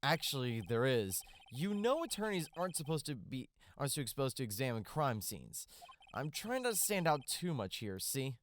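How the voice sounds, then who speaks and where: A dry, skeptical young defense attorney, read by a man in his own voice. His pitch moves about in a lively way. It is a fan-voiced game playthrough. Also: normal speed, slight background noise, natural voice.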